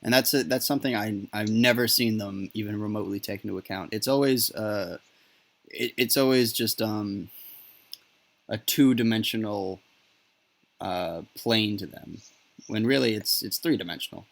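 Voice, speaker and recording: Halting low-voiced man hosting a talk. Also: a bit bright. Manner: halting, many fillers and restarts. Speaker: podcast host. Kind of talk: casual discussion. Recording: poor audio with popping.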